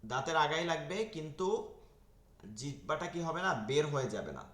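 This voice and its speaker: In an online class, a man teaches Quran pronunciation, walking through tongue and teeth placement step by step and repeating each Arabic letter sound many times. His voice is fairly high and a bit fast, with lively intonation and a fairly bright tone in a roomy-sounding space.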